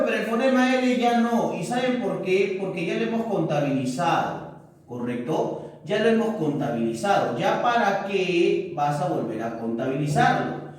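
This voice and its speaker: A male teacher giving a recorded lesson, unhurried and checking in with the class often. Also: fairly high pitch. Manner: unhurried, keeps checking in with correcto and ya. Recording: echoey room, mic at a distance.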